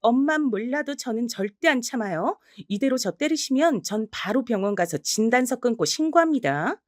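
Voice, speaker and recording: A bold young daughter, as a woman acts her out, pushing back in a high, sharp voice. She speaks fast and fierce, and the sound is dry and close. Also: animated, dry recording, close to an everyday voice. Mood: defiant. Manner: sharp, defiant and high-pitched.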